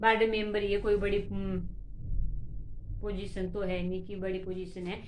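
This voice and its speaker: A woman's voice: mid-range voice, flat delivery, moderate pace, roomy sound. A woman chatting casually to her vlog audience from outdoors in strong wind, short of breath, calling out to pets and family. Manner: shouts over the wind, scolding pets and family. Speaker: vlogger. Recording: phone recording with loud wind noise.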